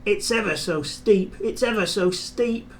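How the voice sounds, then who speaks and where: A man's voice: sits high, measured pace, a little hiss or hum, pitched above the performer's own voice. A man voicing a vain, impatient young male steam engine in a children's storybook. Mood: straining. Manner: boastful, rude.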